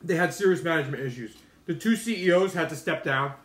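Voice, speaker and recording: Talking fast in a fairly high, bright voice, a mukbang streamer rambles to his livestream audience. He's opinionated and tells slangy stories, and the audio has a roomy, echoey quality.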